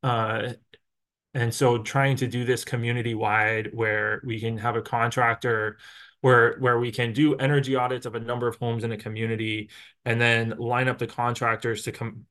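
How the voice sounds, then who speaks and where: A middle-aged man, a college energy director, explaining at a measured pace with frequent pauses and fillers. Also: mid-range voice, level tone, fairly bright tone. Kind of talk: explaining in an interview.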